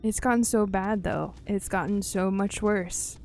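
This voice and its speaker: A woman chats casually while playing a game on stream, her medium-pitched, darkish voice moving at a measured pace with fairly even intonation. Game music and slight background noise sit behind her as she muses aloud, sentences often trailing away.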